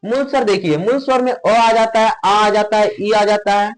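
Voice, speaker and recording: A man teaching grammar in a classroom-style explanation, posing questions and answering them himself and slowly drawing out sounds to show how they are said. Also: high voice, low-quality recording. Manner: asks rhetorical questions and answers them himself, repeats "ठीक है"; stretches sounds out slowly when demonstrating pronunciation.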